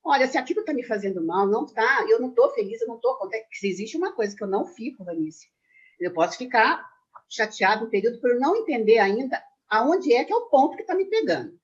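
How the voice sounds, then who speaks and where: A woman in her sixties talks fast and with lots of emphasis as she tells her own stories. Her voice comes through a dull, lo-fi video-call connection. She sounds casual and lively. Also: a little high, husky. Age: 60s. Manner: animated storyteller, quick and emphatic. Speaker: numerologist guest.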